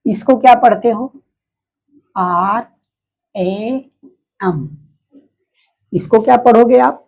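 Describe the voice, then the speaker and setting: A woman teaches letter sounds to beginners at a slow, patient pace. Her voice has a husky, breathy edge. She keeps repeating herself and quizzing the listener as she goes. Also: medium pitch, darkish tone, low-quality recording. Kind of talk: phonics lesson.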